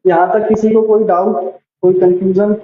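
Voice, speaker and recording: High-voiced man teaching shorthand. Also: level tone, a little hiss or hum. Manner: patient, repeats words slowly, asks class for doubts. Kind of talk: classroom lesson. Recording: roomy, dull lo-fi sound.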